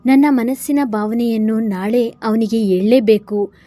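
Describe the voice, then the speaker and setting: A proud, sharp-tongued college girl from a storybook reading, played by a woman narrator. She talks in a brash, bossy way. Her voice is a bit high. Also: unhurried, no echo, lightly acted. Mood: determined.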